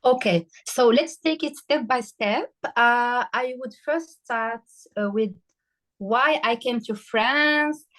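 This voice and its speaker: A woman from Morocco, a health coach and podcast guest, talking through her story with many pauses, fillers and restarts, and some emotion. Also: fairly high pitch, fairly bright tone, low-quality recording. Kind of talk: casual interview conversation.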